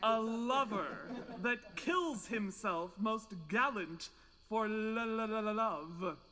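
Played by an actor, a fussy carpenter reads out the cast of his play in a slow, measured way. The tone is bright, in a hall with a long reverb. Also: mid-range voice. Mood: directing. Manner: calls out names in a measured, slow way. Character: fussy male carpenter directing a village play.

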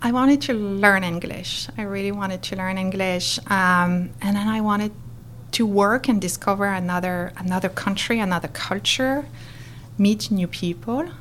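A woman's voice: mid-range voice, a little slow, slight background noise. A middle-aged woman from France with a French accent, animatedly telling her story as an interview guest. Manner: animated, expressive, acts out quotes.

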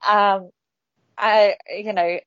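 A woman's voice: medium pitch, fairly even intonation, drawn-out words, no room sound. A woman hosting a casual podcast, talking in a chatty way with frequent ums and restarts. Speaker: podcast host. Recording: dull, lo-fi dry sound.

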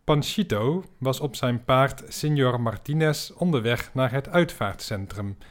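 Deadpan male comic storyteller. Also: mid-range voice, measured pace. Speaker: podcast host.

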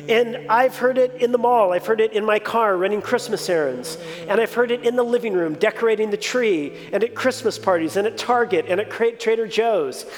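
Pastor, forties, male, conversational reflective sermon delivery, higher voice. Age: 40s. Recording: reverberant hall.

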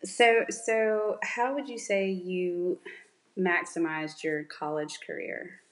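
A woman hosts a casual interview on her podcast, speaking slowly in a lowish, steady voice. She asks long, rambling questions and answers with encouragement.

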